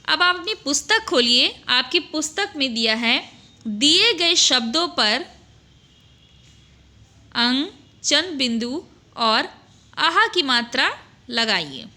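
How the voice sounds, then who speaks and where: A woman teacher speaks very slowly and carefully, pausing over each word for small children. Her voice is high and bright, and she keeps asking simple questions before giving the answer herself. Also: very animated. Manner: drawn-out, syllable by syllable word drills with questions to pupils. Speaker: primary school Hindi teacher. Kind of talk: slow, deliberate lesson for young children.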